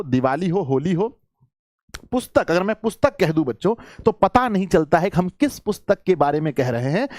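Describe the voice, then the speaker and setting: A man's voice: fairly high pitch, a little mellow, no room sound, studio quality. A man, teaching a grammar lesson to students. He calls them his children, asks questions and answers them himself, and repeats every point. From Bihar, India. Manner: repeats each point, with rising emphasis on examples.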